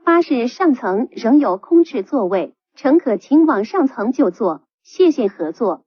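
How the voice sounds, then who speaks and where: On a dull, lo-fi bus PA, a woman reads a scripted notice in a calm, even, formal way. Her voice sits on the high side with a breathy edge, a little slow and dry in the recording.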